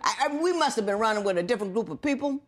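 A woman from Ohio presiding as a court show judge, questioning a couple in an animated, expressive way. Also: racing. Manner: animated, expressive, swoops up high when excited.

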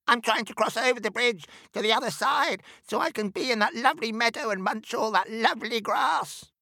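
Tiny bleating billy goat kid. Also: male voice, brisk, vocal fry, sharp tone, no echo, clean studio sound, heavily acted. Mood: pleading. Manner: high bleating voice, pleading. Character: small bleating young billy goat, timid.

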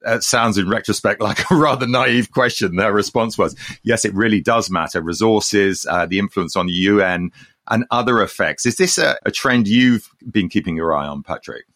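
Male podcast co-host, lower register, thoughtful and opinionated, conversational delivery, very dry close sound. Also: moderate pace, fairly bright tone, no room sound.

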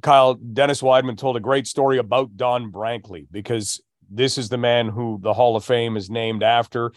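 A man's voice: mid-range voice, steady tone, moderate pace, dry recording, studio quality. A man co-hosting a hockey podcast, recounting games and anecdotes in a casual, storytelling way. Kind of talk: casual sports chat.

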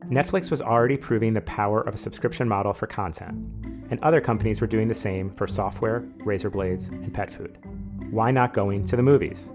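Man, podcast host, low voice, scripted narration, measured, explanatory, faint music behind.

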